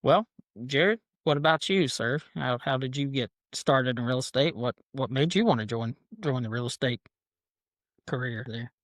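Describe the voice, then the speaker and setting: Male interview host, middle pitch, cheerful banter, dry booth sound. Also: normal speed, no room sound. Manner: upbeat, jokey, repeats words. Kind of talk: casual interview hosting.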